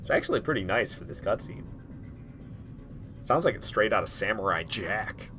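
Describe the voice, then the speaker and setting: A man's voice: lowish voice, animated, normal speed, pushed and bright, faint music behind. A man casually commenting while playing a game on a live stream, rambling and laughing, talking to his chat. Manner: chatty, rambling, laughs often, talks to chat.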